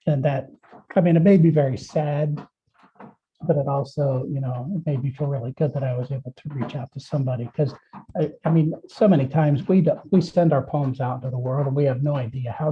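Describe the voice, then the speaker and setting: A man's voice: on the high side, slightly rough. A man answering interview questions about his poems, telling stories hesitantly with many ums and restarts. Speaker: interviewed poet. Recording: dull lo-fi audio.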